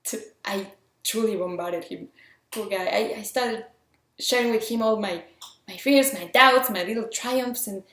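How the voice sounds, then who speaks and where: In a roomy, echoing space, a Mexican woman whose accent carries some French influence talks casually and enthusiastically about making films on her own. She speaks in a mid-range, fairly bright voice at a slightly slow pace, earnest and chatty throughout.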